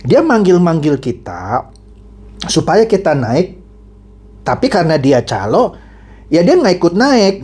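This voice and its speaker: A man voicing a calm father patiently explaining things to his son on a bus. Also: on the high side, unhurried, long pauses, breathy edge, exaggerated voice.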